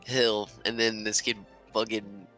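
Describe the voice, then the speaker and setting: A young man in casual podcast chat, chiming in excitedly and swearing as he backs up a friend's story. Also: fairly low pitch, a little slow, soft background music. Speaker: podcast co-host.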